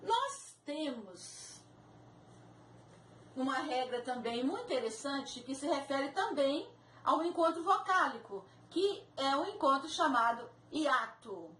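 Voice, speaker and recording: A woman teacher giving a recorded grammar lecture with slides, slow and deliberate, spelling out and repeating each example word. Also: sits high, big pitch swings, a bit bright. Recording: echoey room, faint background noise.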